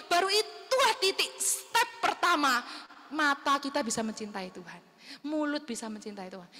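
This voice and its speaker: A woman preaching a lively youth sermon, animated and calling for amens, recorded in a church hall. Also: high-pitched. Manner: animated, asks the crowd for amens, mimics youths' questions. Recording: long reverb of a church hall.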